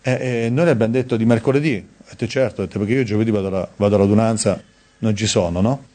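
A man's voice: rapid-fire, warm tone. Emphatic Italian-speaking man preaching. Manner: emphatic, rising to high-pitched stress on key words; conversational asides, reads scripture aloud. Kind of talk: sermon.

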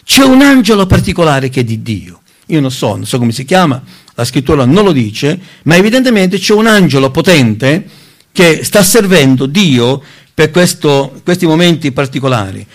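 A man with a fairly high voice and moderate pace preaches a Bible teaching sermon. He reads scripture aloud, stresses key words with rising, emphatic, lively intonation, and addresses his listeners as brothers.

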